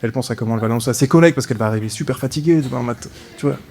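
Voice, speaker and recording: A man's voice: mid-range voice, rapid-fire, creaky, a little mellow. A man in his twenties performing a stand-up comedy routine, telling a story with frequent "ok?" asides to the audience. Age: 20s. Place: comedy stage before a live audience.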